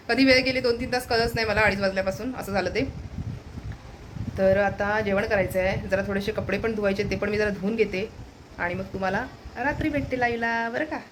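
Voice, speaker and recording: A woman vlogging at home talks briskly in a slightly high voice, chatting casually with viewers straight into the camera and cooing to her pet from time to time. Her voice is low from fasting, and there's slight background noise.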